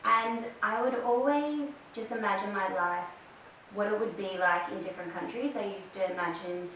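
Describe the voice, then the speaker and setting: Speaking at a normal speed in a mid-range, slightly bright voice, this Australian woman in her thirties shares her story as a guest on a podcast, filling it with many fillers. It's a relaxed interview conversation. Echo, a faraway mic, and a faint hiss mark the recording.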